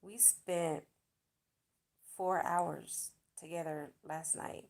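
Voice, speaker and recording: A woman vlogger talks straight to her viewers, chatty and gushing, with a spiritual bent. Her voice sits fairly low and has a gravelly edge to it. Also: steady tone, extremely slow. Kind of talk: casual storytelling to viewers.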